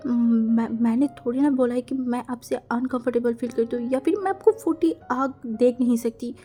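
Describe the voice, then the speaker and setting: A woman voicing a shy, easily embarrassed young woman who stammers and gets excitable. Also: fairly high pitch, moderate pace, soft background music, natural voice. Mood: frustrated.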